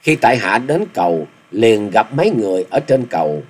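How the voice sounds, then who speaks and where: A man's voice: on the low side, very animated, normal speed, a little mellow, husky. A man voicing a polite but stubborn young male swordsman who gives formal, proud replies. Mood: earnest.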